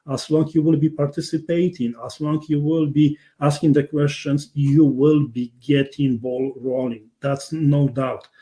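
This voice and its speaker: This webinar host, a man born in Poland with a Polish accent, has a mellow voice pitched fairly high. His pitch to the online audience is persuasive, and he regularly checks in with a questioning "right?".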